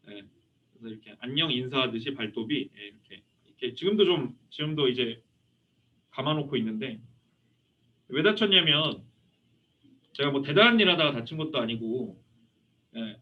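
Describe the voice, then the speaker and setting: A man in his thirties, a youth pastor preaching a lively sermon, telling anecdotes and asking the congregation questions. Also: on the high side. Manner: animated storytelling, voicing a child and asking the audience questions. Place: church hall. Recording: muffled, from a distance.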